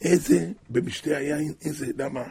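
A man telling a religious story dramatically, with sudden high exclamations and hushed drops, in a gravelly, raspy voice. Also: very animated.

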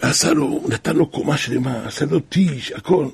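A man delivers a spoken sermon, retelling old rabbinic stories in a loose, chatty way. His voice is heavily gravelly and very husky, sitting a little high for a man. He keeps looping back with "he says" and bursts out loudly at dramatic moments. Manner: repetitive "he says" storytelling, loose and colloquial.

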